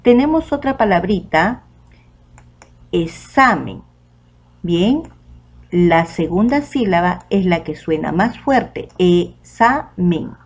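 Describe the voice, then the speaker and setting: A woman teacher with a Peruvian Spanish accent, giving a recorded online lesson to children and saying the example words out slowly and clearly. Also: lowish voice, expressive. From Peru.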